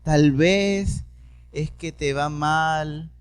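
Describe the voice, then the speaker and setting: A woman's voice: low-pitched, drawn-out words, clear, resonant tone, no echo. A man imitating a worried, pleading mother. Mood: anxious, pleading. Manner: pleading, questioning. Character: worried mother, tearful and bewildered.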